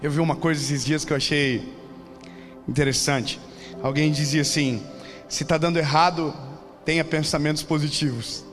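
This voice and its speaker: A man preaching a sermon with a Brazilian Portuguese accent, moving between calm, conversational teaching and loud, repeated, impassioned declarations. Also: a little high, normal speed, long pauses, music in the background.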